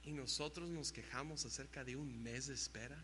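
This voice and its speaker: A young man preaching a sermon, telling stories with shouted sound effects and mimicry, in a reverberant church hall with a faint hum. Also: medium pitch, a little fast. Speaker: youth pastor.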